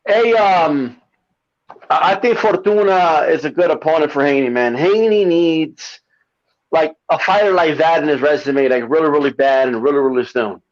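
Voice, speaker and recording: A man calling in to a boxing talk show. He sounds like he is on a CB radio, and he talks casually in a halting way, often repeating words and restarting. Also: on the high side. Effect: sounds like talking over a CB radio. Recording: muffled lo-fi call-in line.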